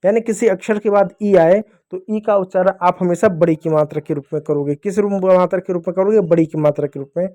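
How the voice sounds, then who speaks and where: A young man teaches small children how to read, his voice pitched high yet soft and mellow. He goes patiently, posing each rule as a question and then answering it himself. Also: fairly quick, few pauses. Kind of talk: phonics lesson for young children.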